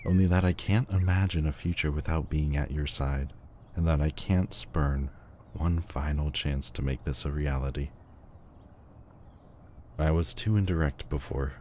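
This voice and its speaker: A man playing a lovelorn lord general, voicing a farewell letter in a formal, slow, yearning way in an audio roleplay. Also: very deep voice, mellow, slight background noise.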